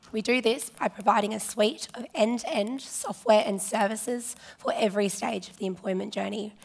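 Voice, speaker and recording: A woman with a hoarse voice that is giving out, presenting informally and chattily to a conference. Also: medium pitch. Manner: chatty, informal, addressing audience directly. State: hoarse, losing her voice. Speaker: conference presenter, partnerships manager. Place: large conference hall stage, indoors.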